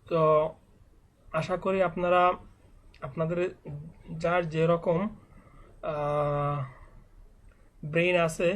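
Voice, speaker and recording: A man teaching an online reading lesson, spelling out letters and syllables one by one and patiently repeating them for learners. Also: a little high.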